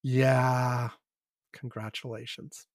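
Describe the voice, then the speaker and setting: A man co-hosting a podcast talks in a loose, rambling way, wry and self-mocking, with casual swearing. His voice sits at an ordinary middle pitch. The sound is close and dry, with no room around it. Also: flat delivery, takes it slowly, no echo. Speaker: podcast co-host.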